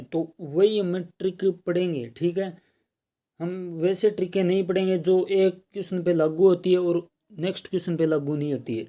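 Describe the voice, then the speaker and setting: A man's voice: high-pitched, dark tone, dull audio. A man teaching an exam-prep math lesson, explaining step by step and checking in often.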